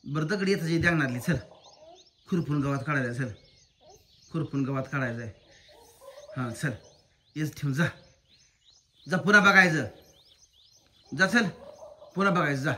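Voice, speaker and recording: A man's voice: on the high side, expressive, normal speed, pauses often, a bit bright. A man vlogging at his village home outdoors, coaxing and scolding the children and calling out to them. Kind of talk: casual family vlog.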